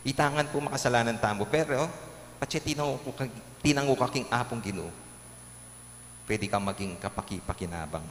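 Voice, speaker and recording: A priest with a Kapampangan accent preaching a homily at Mass, animatedly acting out quotes and jokes. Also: male voice, mid-range voice, fairly quick, pauses often. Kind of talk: homily in a live-streamed Mass. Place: large church. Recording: echoey church with long reverb, faint hum.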